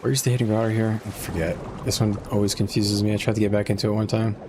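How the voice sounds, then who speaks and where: A man's voice: lowish voice, flat delivery, quick pace, background noise. A man giving casual gameplay commentary as a streamer, informal and slangy, thinking aloud as he goes. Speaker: gaming streamer.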